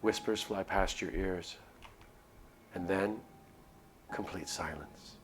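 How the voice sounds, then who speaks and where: Low and slow, this man's voice carries a little hiss or hum while music plays in the background. He's a streamer reading a visual novel out loud, alternating dramatic narration with offhand comments.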